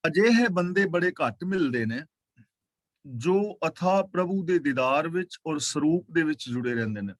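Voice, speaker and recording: Man, scripture teacher, slow chanted verses, plain explanations, fairly high voice, dry close sound. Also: animated, no echo. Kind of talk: religious scripture class.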